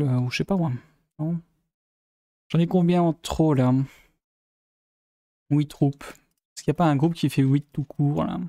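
A man's voice: fairly high pitch, warm tone. A man from Belgium giving live commentary on his strategy game, thinking aloud and often trailing off mid-sentence. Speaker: let's play gamer.

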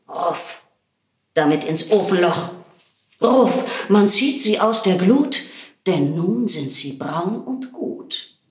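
An actress reading a children's verse story aloud in a playful way, dropping to hushed tones and jumping high for the characters, in a theatre props workshop. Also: female voice. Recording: roomy echo.

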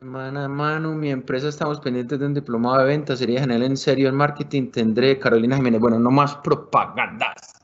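Animated Colombian sales trainer, dull audio. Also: male voice, medium pitch, fairly quick. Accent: Colombian Spanish. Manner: animated, varies loudness and speed for emphasis; colloquial, addresses audience as muchachos. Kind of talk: live online sales workshop. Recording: somewhat dull lo-fi video call audio.

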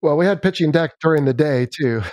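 A podcast host who was once a Navy fighter pilot runs an interview in a casual, wry, conversational manner, sounding every bit the former military aviator. His voice sits fairly high with a darkish tone, a little fast, and there's no echo.

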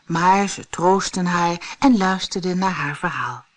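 A woman narrating a fairy tale in a lively, expressive storytelling manner. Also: on the low side, unhurried.

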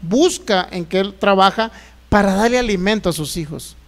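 A man's voice: high-pitched, normal speed. A man preaching a sermon as pastor, folksy, acting out complaints in a raised voice.

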